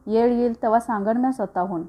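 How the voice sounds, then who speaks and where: A woman's voice: on the high side, fast talker, muffled recording, natural voice. Anxious village mother, as read by a woman. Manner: rural Marathi dialect speech. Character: worried village mother hiding a secret.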